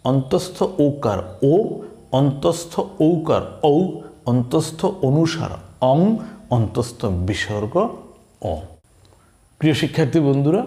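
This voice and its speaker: A man teaching spelling, reciting letter-vowel combinations slowly and checking in with his students. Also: medium pitch, darkish tone, roomy sound. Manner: slow, drawn-out recitation with checking questions. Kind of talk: slow recited lesson.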